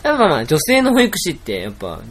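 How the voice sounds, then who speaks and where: Young dude cohosting, quick and playful, kinda high voice, faint music under it. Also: male voice, huge pitch swings, crowd noise. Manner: playful, teasing banter. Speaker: podcast co-host. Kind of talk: casual late-night radio chat. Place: small apartment room.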